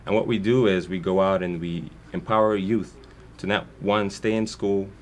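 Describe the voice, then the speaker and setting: This low-pitched man, born in Guyana and the founder of a foundation, is a guest on a television interview. His intonation is fairly even, his tone darkish, and his pace moderate, with some background noise. He speaks earnestly, restarting often within long, rambling sentences.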